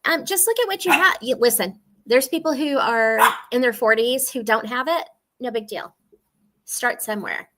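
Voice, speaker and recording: A woman's voice: fairly high pitch, normal speed, heavy background noise. A woman in her forties, a financial specialist speaking earnestly in a casual interview over a video call from home. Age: 40s. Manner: earnest, laughs easily, warm chatty explanations. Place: home, dog barking nearby.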